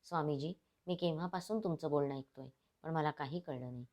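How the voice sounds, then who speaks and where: A woman's voice: sits low, fairly quick, a little mellow, lightly acted. A woman reading the part of a humble male temple sweeper in a storybook narration.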